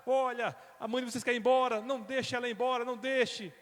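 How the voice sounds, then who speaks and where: A man's voice: fairly even intonation, quick pace, in a large hall. A man voicing a heartbroken husband who pleads with his wife not to leave. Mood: desperate. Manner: pleading, high strained voice.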